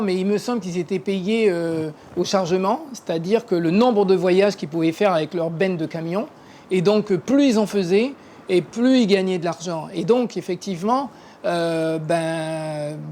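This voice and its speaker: A woman giving spoken personal testimony, explaining things and pausing to search for words. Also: on the low side, warm tone. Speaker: interviewee recalling family history. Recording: clearly noisy location sound.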